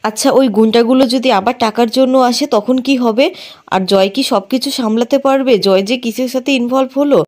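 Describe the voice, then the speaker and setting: A woman's voice: a little high, brisk, a little mellow, lightly acted. A woman voicing an indignant young woman who defends her sister, close to her own voice. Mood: fretting. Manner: indignant and accusing.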